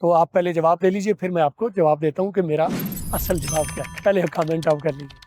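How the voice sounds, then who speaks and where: A man from Pakistan teaching English pronunciation in a spoken lesson. He demonstrates sounds slowly, repeats them, and asks questions that he then answers himself. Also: fairly high pitch, noisy background. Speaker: accent teacher.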